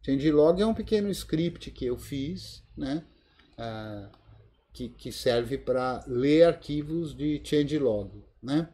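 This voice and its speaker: A man's voice: a little high, lively intonation, slow, warm tone. A man with a Brazilian Portuguese accent teaching a live Linux lab over a video call, thinking aloud with many fillers. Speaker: Linux course instructor. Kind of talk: live screen-share tutorial. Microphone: video call mic.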